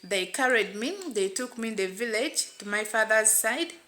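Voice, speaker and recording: Bright Ugandan woman telling a story. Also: on the high side, moderate pace. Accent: Ugandan English. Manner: repetitive, plain retelling with "what and what" fillers. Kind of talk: first-person storytelling.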